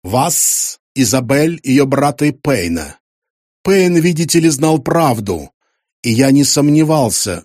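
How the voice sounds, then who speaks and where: A man's voice: mid-range voice, a little mellow, no echo, clean studio sound. A man voicing a frightened older male Egyptologist who pleads in an agitated, cracking voice, in an audiobook. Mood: urgent.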